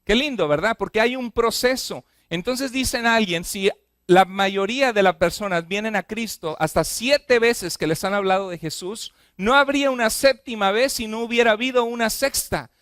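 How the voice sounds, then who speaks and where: A male pastor preaching a sermon, often asking his congregation questions, speeding through repeated lists and slowing down to stress a point. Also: high-pitched, fairly bright tone, dry recording, studio quality. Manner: asks the congregation frequent questions. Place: church.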